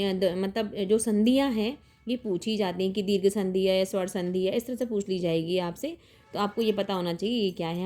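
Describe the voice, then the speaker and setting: A middle-aged woman teaches a grammar lesson for exam students in a slightly high voice. She goes over each rule step by step and keeps checking that the listener is following along. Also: darkish tone. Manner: repeats and checks in with the listener often.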